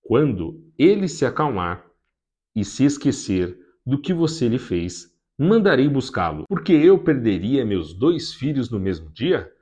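An anxious, protective mother warns her son in an urgent tone that dips low and hushed, as a man reading scripture puts her on. The reading moves slowly with lively pitch. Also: slightly rough.

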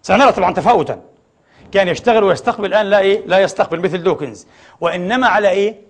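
A middle-aged man preaching a sermon in a mosque, who keeps asking the congregation rhetorical questions and calling them brothers. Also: high-pitched. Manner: fills pauses with rhetorical "what?" questions to the congregation; often addresses the audience as brothers. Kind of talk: Friday sermon lecture. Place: mosque prayer hall.

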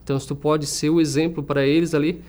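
A young man speaks as an interview guest. He talks about his work in a fairly high voice. He is earnest and reflective, and often breaks off to restart a thought. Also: level tone, fast talker, a little mellow. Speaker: music teacher and singer.

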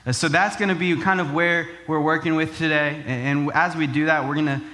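An upbeat male youth pastor gives a conversational sermon. His voice is bright and forceful, pitched a little high, and his delivery is casual and informal. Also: steady tone, brisk.

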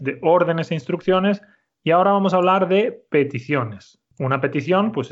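Male language teacher, patient and clear, a bit high-pitched, muffled recording. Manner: patient, slow and clear, repeats answers. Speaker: Spanish teacher. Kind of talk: conversational language lesson.

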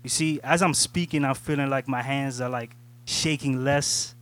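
A man's voice: mid-range voice, steady tone, normal speed, fairly bright tone. Reflective man, casual podcast co-host. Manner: reflective, peppered with "you know what I'm saying".

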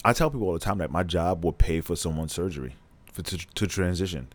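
A man with a very low, deep voice chats casually on a podcast. He speaks frankly and bluntly, circling back and repeating phrases to drive a point home. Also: fast. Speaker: podcast co-host. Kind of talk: casual chat.

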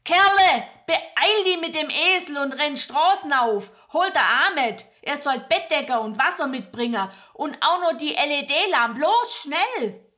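A woman voicing a brisk, kind older female farmer with a Swabian accent, bossy and chatty. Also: on the high side, expressive, fairly bright tone. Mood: commanding.

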